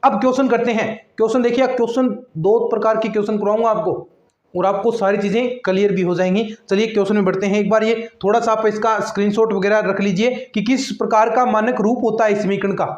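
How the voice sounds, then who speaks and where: A man's voice: high voice, a little mellow. A man teaching a maths class online, talking to his students in a chatty, repetitive way as he works at a board. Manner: chatty and repetitive, addresses students as friends and lectures them about attendance. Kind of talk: online exam-prep lecture. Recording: echoey room, slightly dull sound.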